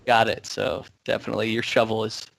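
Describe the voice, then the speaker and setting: A man's voice: lowish voice, flat delivery, fairly quick, gravelly, a bit bright, dry recording. A man hosting a tech talk show, upbeat and joking, rambling with restarts. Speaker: podcast host. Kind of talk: casual tech show chat.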